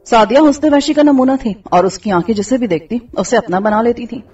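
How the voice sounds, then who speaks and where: A woman narrates a story in a steady, husky voice pitched a bit high. The sound is dull and slightly far from the mic, with faint music running under it. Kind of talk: scripted audiobook narration.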